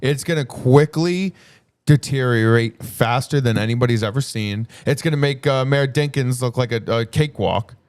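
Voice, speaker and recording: A man's voice: mid-range voice, darkish tone. Blunt man chiming in on podcast. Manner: blunt, agreeable, quick to chime in. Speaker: podcast co-host. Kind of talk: casual political chat.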